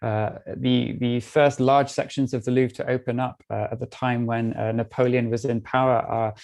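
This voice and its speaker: A British man giving a live online art museum tour, talking in a relaxed way with many small pauses and fillers. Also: mid-range voice, creaky. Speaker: tour guide.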